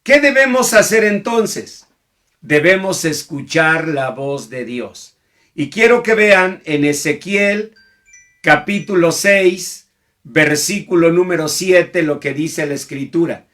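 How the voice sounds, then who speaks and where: A man preaching a sermon, slow and deliberate, dropping to hushed low lines and rising to emphatic ones.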